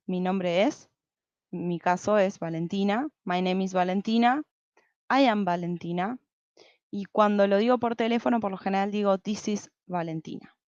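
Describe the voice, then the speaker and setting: A woman's voice: medium pitch, darkish tone, clean tone, no echo, highs cut off. A woman teaching a beginner English lesson over slides, patiently explaining step by step and checking in with "¿sí?".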